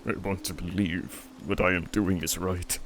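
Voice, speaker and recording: A man voicing a vengeful, tormented Spartan warrior, with a brooding manner, slow drawn-out lines that rise into shouts. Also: sits low, level tone, a little hiss or hum, natural voice. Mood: despairing. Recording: music playing loudly behind.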